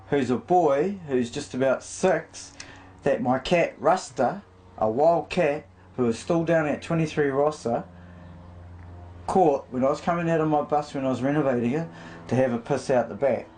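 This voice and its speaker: Showing his house and animals to the camera, a New Zealander talks casually at a moderate pace in a highish, darkish voice, rambling with plenty of emphasis. The on-location amateur recording is noisy.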